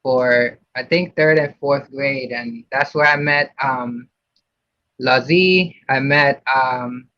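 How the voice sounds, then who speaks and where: A Puerto Rican man with a mid-range voice speaks slowly on a dry, dull lo-fi recording. He's a podcast guest in a casual interview, chatting about his childhood with many fillers and restarts.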